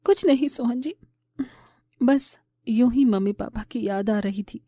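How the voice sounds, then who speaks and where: A woman voicing a meek, gentle young daughter-in-law in a cartoon story, speaking softly and submissively. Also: a little high, lively intonation, moderate pace, dry recording, clean studio sound, close to an everyday voice. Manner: soft, submissive.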